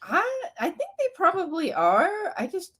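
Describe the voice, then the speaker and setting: A woman's voice: extremely high pitch, huge pitch swings, measured pace, fairly bright tone. A woman joining a casual podcast chat with joking, giggly asides.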